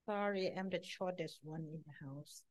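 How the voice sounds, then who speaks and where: At a support-group meeting, a middle-aged Thai woman with a Thai accent gives blunt, self-deprecating testimony about herself in short, punchy phrases. Her voice is lowish and her speed normal.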